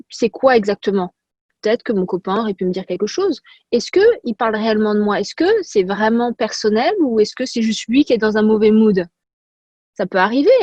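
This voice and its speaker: A woman personal development coach giving an energetic motivational talk, repeating key phrases and asking rhetorical questions. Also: fairly high pitch, slightly rough, no echo, lo-fi sound.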